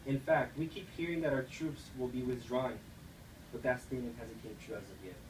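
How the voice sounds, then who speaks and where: With a steady, mid-range voice and a slightly fast pace, a young American man delivers a sincere persuasive speech, read aloud as though for class. He was recorded in an echoey room on a distant mic, with noise in the background.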